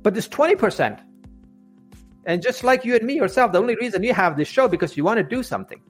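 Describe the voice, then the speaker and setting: Animated man, halting storyteller. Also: high voice, faint music behind. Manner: halting, repeats words and restarts often. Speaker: guest, life coach. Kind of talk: personal storytelling in an interview.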